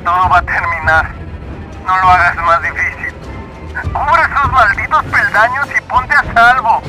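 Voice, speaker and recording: A man's voice: high voice, fairly even intonation, unhurried, rough recording. An actor playing a terrified man pleading from a tomb, with urgent, desperate pleading in an audio drama. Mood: resigned urging. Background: music.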